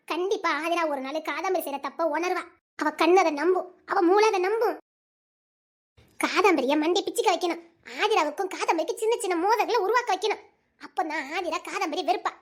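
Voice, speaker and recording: A woman voicing a scheming young village woman who plots persuasively, with a Tirunelveli Tamil accent. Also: very high voice. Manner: fast, persuasive, conspiratorial. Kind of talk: Tamil serial drama dialogue.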